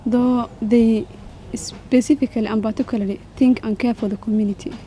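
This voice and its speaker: A woman's voice: fairly high pitch, steady tone, brisk, warm tone, slight background noise, rough recording. A woman explaining her views steadily in an interview. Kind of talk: interview answers.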